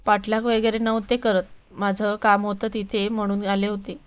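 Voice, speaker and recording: A woman's voice: mid-range voice, little pitch movement, moderate pace, clear, resonant tone, highs cut off, close to an everyday voice. A woman reading as a wounded, pleading wife. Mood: upset. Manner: accusing, pleading. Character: hurt, pleading young wife and mother.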